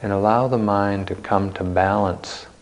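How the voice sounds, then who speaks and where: Here a teacher guides a meditation at a live retreat, his speech broken into brief, measured phrases and long pauses. He has a fairly low pitch and keeps his tone steady.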